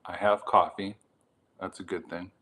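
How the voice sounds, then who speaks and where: A man's voice: sits low, level tone, moderate pace, background noise. A tired, jet-lagged middle-aged man chatting casually to camera about his vinyl purchases, rambling with many ums and restarts.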